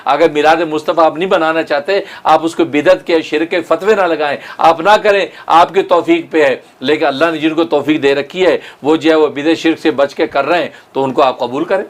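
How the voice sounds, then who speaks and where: A man's voice: fairly high pitch, moderate pace, few pauses. A man preaching as a mufti, arguing point by point in a rhetorical lecture and quoting scripture. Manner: rhetorical, argumentative, quotes scripture. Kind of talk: religious lecture.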